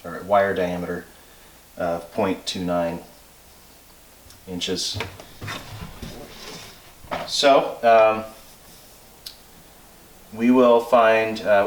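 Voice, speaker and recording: Male instructor, fairly low voice, informal hands-on technical explainer, pauses to check himself, recorded away from the mic. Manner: halting, self-checking, thinking aloud. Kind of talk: informal technical explanation, working through calculations aloud. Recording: roomy echo, distant microphone.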